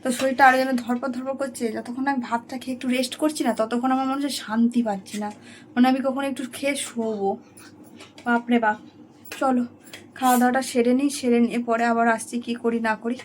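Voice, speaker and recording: A woman chatting to her viewers in a rambling home vlog, her voice hoarse from a cold. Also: a little high, fairly even intonation, fast talker, a little hiss or hum. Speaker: home vlogger.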